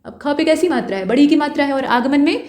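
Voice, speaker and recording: High-voiced woman teaching grammar. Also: lively intonation, fast, darkish tone. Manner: explains step by step, repeats key points. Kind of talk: exam-prep grammar lesson.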